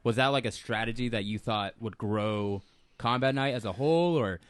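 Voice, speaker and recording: A man co-hosting a podcast, asking relaxed, rambling questions in a casual chat. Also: medium pitch, moderate pace, smooth, no echo. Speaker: podcast co-host, former fighter and coach.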